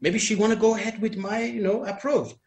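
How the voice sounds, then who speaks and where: Brief: man, fairly high voice, talks at length on a call, loose and rambling. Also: steady tone, brisk, darkish tone. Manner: rambling, restarts, non-native phrasing. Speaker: dating talk panelist. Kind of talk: casual group chat, opinionated.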